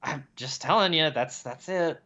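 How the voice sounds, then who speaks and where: Blunt, bright-voiced man co-host. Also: on the high side, normal speed, muffled recording. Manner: blunt, emphatic, opinionated. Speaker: co-host of a tabletop wargame talk show. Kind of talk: casual chat.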